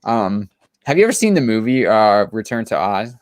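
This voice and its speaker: A man's voice: on the low side, big pitch swings, normal speed, no echo. A man co-hosting a comic book chat show, talking casually and enthusiastically with lots of restarts and fillers.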